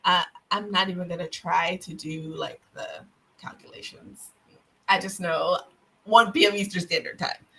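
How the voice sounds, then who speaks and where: A woman's voice: fairly low pitch, steady tone, moderate pace, fairly bright tone, rough recording. A woman hosting a casual livestream from her home office, chatty and self-deprecating with lots of fillers. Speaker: host and guild president. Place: home office with open windows.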